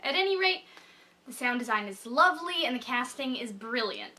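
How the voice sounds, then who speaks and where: A young woman with a high, bright voice gives a casual spoken review. She is chatty and a little giggly, and pokes fun at herself as she goes. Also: animated, normal speed. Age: young adult. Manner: chatty, giggly, self-deprecating. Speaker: student.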